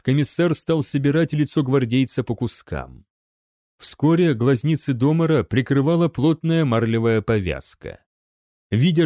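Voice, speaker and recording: A man narrating an audiobook in an even, measured storytelling manner. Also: mid-range voice, no room sound, clean studio sound. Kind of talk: scripted narration.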